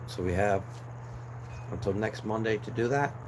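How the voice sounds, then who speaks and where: On a livestream, a young New Jersey man chats casually in a voice on the low side at an ordinary speed. Half-losing his voice, he wanders through his thoughts with fillers and restarts, against clear background noise.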